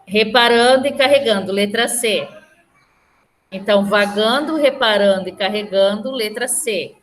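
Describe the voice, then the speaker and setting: A woman's voice: mid-range voice, a little slow, slight background noise. A woman with a Brazilian Portuguese accent, a teacher explaining a lesson patiently and often checking that the class follows.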